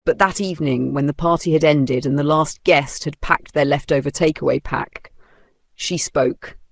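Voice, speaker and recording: A man's voice: fairly high pitch, moderate pace, gravelly. A man with a Nigerian accent narrating a dramatic story with playful, humorous asides.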